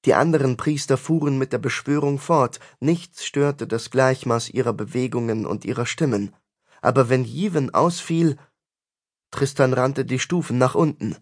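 A man narrating a fantasy audiobook in a measured, dramatic storytelling manner. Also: mid-range voice.

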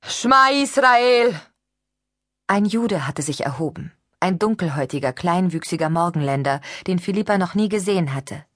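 A woman's voice: lowish voice, fairly quick, few pauses, no room sound, studio quality. Woman narrating an audiobook. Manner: steady, even storytelling. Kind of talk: scripted narration. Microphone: studio microphone.

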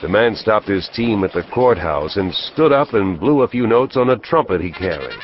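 A man narrates an audiobook story with lively, varied intonation. The recording is a little dull, with faint noise behind him. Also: on the low side, moderate pace.

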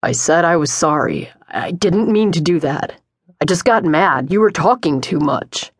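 A woman voicing a dismissive, irritable middle-aged husband, gruff and curt, in an audiobook. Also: deep voice, lively intonation, measured pace, dry recording, clean studio sound, full character voice. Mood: defensive.

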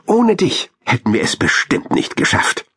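A man's voice: mid-range voice, wildly swooping pitch, moderate pace, creaky, pushed and bright, slightly rough, no room sound, studio quality, pitched above the performer's own voice, heavily acted. A man voicing a small, shy young male hamster in a children's audiobook. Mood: earnest.

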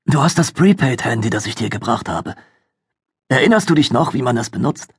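Guy reading as a soft-spoken captive little sister, raised husky voice, dry sound. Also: mid-range voice, expressive, brisk, no room sound. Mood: urgent. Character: captive younger sister, calm and caring.

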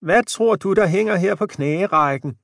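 A man's voice: sits high, vocal fry, dry recording, studio quality, pitched above the performer's own voice. A man voicing a gaunt, balding old husband who is hearty and good-natured, in an audiobook. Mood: cheery.

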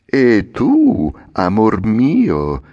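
A man voicing a sly, flattering little old man with a sugary, cruel edge, in a storybook reading. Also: lowish voice, muffled recording, voice pushed up, full character voice. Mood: honeyed. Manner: slow, honeyed and flattering.

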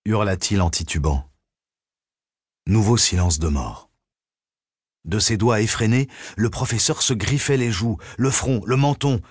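A man narrating a thriller audiobook in a measured, suspenseful reading. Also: medium pitch, no room sound, studio quality.

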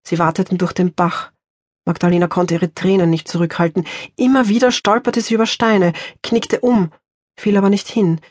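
A woman author reading her own crime novel aloud in a measured, tense audiobook narration. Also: lowish voice, a little mellow, slightly rough, no echo, studio quality.

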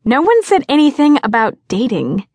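A woman voicing a bubbly, theatrical teenage girl who teases her friends in an excitable, dramatic way. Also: on the high side, normal speed, dry recording, voice pushed up. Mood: teasing. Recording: dry studio.

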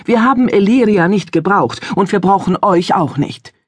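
A woman voicing a furious, grieving middle-aged village father who shouts, agitated and breathless with rage. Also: medium pitch, lively intonation, moderate pace, husky, dry recording, voice pushed up. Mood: bitter.

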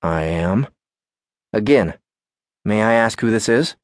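A man's voice: on the low side, animated, slow pace, no echo. A male narrator voicing a tired young male reporter with a wry, dry humor.

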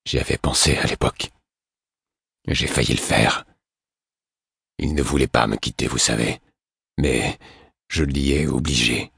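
A hoarse, grieving older man , as a male narrator puts him on murmurs slowly in a very deep, husky voice. The audiobook recording is dry and close. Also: steady tone, fairly bright tone, no echo, full character voice. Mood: weary, grieving. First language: French. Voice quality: hoarse, heavy-hearted. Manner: slow, low, murmured. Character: weary grieving older man, gruff stable master.

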